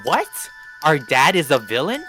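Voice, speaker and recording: A woman's voice: low voice, wildly swooping pitch, a little slow, a bit bright, faint music behind, full character voice. A woman voicing the heroine's young sibling, who plots against her sister. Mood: shocked. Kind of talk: fan voice acting for an animated game movie.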